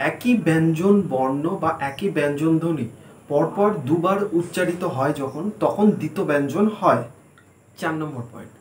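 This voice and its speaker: A man's voice: a little high, slight background noise. Man teaching at a board, echoey room. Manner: asks questions and answers them himself; spells words out letter by letter. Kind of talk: blackboard spelling lesson.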